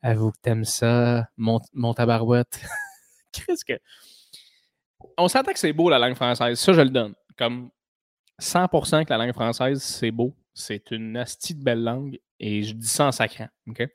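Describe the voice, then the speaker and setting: A man with a Québécois accent hosts a podcast in a joking, animated way, swearing freely and talking close to the mic. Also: mid-range voice, moderate pace, dry recording. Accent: Québécois French. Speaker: podcast host. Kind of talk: casual podcast monologue.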